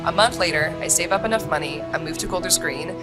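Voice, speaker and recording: A young American woman who grew up moving between countries shares her personal story as a podcast guest in conversation. Her voice is lowish, she talks fast, and loud music plays over it.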